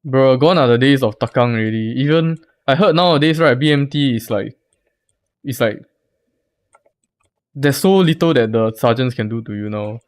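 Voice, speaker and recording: Young Singaporean male streamer, mid-pitched, casual and slangy with viewers. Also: normal speed. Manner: chatty, talks to viewers, loose slangy phrasing. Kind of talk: casual live-stream chat.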